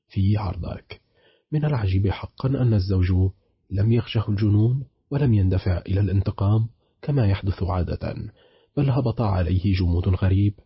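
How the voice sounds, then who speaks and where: A man narrating a short story for an audiobook in a measured, dramatic storytelling manner. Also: sits low, breathy edge, dry recording, dull audio.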